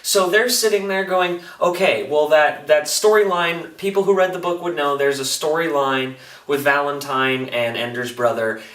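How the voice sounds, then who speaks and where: A man reviews a film in a casual, enthusiastic vlog, speaking colloquially and animatedly and acting out reactions in quoted asides. His voice is on the high side and fairly bright at a moderate pace, recorded with roomy echo through a distant microphone.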